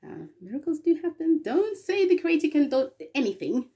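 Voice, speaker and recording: An English woman speaking in a slow, meandering spiritual monologue, often spelling out letters and pausing with little laughs. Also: high-pitched, very animated, dark tone. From England.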